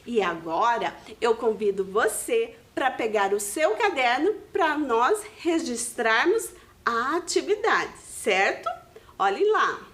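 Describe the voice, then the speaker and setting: A woman's voice: a little high, big pitch swings, slow, a bit bright, echoey room. A Brazilian woman teaching a video lesson to young children, patient and sing-song as she explains. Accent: Brazilian Portuguese. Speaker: primary school teacher.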